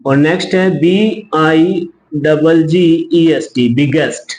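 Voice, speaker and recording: A man's voice: on the high side, slow, darkish tone. A male teacher giving a grammar lesson, spelling words out letter by letter and answering his own questions. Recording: echoey room, faint background hum.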